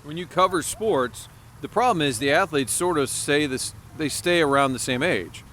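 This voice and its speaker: A man's voice: fairly high pitch, lively intonation, normal speed, sharp tone, a little hiss or hum. A man in his forties hosting a casual chat podcast, hyper and joking. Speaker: podcast host.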